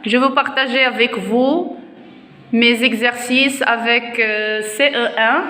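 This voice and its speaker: A woman with a Moroccan accent teaching a French grammar lesson to her pupils in a classroom, explaining slowly with frequent asides in Arabic. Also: on the high side, fairly even intonation, pushed and bright, roomy sound, in a large hall. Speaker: primary school French teacher.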